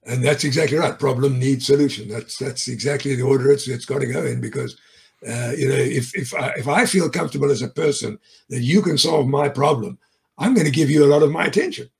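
A man's voice: medium pitch, fairly quick, vocal fry, low-quality recording. A man as an interview guest, telling sales stories in a chatty way, chuckling often and doubling up words as he starts sentences. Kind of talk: conversational interview.

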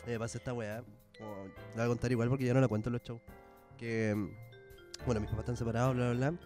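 A man's voice: mid-range voice, fast, faint music behind. A young man with a Chilean accent, co-hosting a casual podcast, telling comic stories with lots of slang and laughter. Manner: slangy, laughs often, animated retelling. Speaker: podcast co-host, comedian. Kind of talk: casual chat, comic storytelling.

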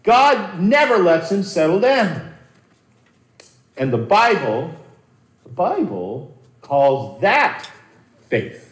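A man preaching a sermon as a pastor, earnest and animated, with dramatic pauses and repeated words. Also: high voice. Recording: roomy echo.

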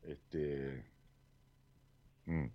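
A man's voice: rumbling low, steady tone, very slow. A man with an Argentine accent counseling someone one-on-one, talking bluntly and emphatically, swearing and pressing with repeated questions. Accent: Argentine Spanish. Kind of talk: confrontational one-on-one counseling session. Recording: dull lo-fi sound.

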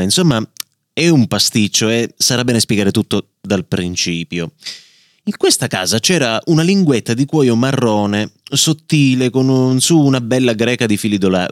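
Lively, expressive male storyteller. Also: mid-range voice, no room sound, clean studio sound. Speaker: podcast host. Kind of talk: reading a children's story aloud.

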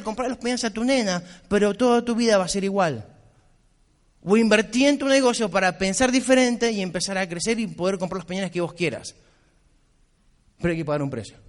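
A man delivers a motivational speech as a business mentor. He speaks with a high voice and drives his points home bluntly, repeating them insistently. His voice rings out with the long reverb of a hall. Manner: blunt, insistent, repetitive exhortation.

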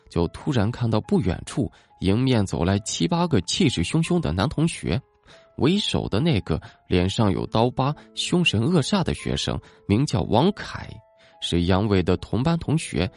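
A man narrating a ghost story in a dramatic, expressive way. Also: on the low side, normal speed. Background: soft background music.

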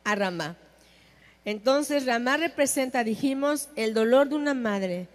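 A woman preaches a sermon in a high voice, taking her time over each phrase. She stresses her points and turns to the listeners with questions. A long reverb trails after her words. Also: animated, measured pace. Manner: emphatic, asks the audience questions.

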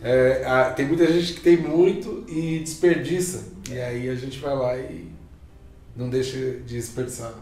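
A man's voice: medium pitch, measured pace, slight background noise. A man in casual, slangy chat, laughing often as he tells stories. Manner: slangy, laughing, animated storytelling. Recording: roomy, mic at a distance, faint music.

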